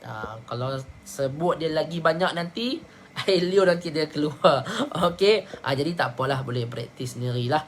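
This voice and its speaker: In a live online lesson, a woman with a Malaysian Malay accent teaches Quran pronunciation, patiently drilling syllables slowly so her students can repeat them. Her voice sits low and is expressive, with slight background noise.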